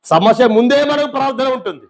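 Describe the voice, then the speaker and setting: A man's voice: extremely high pitch, animated, fairly quick, vocal fry. A male pastor preaching a fervent sermon, firing off rhetorical questions at his congregation.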